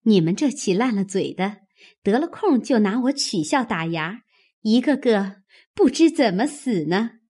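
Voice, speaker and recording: A woman voicing a steady, motherly senior maid who gives calm instructions. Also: medium pitch, unhurried, husky. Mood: composed.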